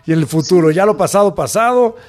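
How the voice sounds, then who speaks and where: A man's voice: high-pitched, expressive, fast, a little mellow. A man with a Mexican accent on a sports panel, teasing the others. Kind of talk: casual sports banter.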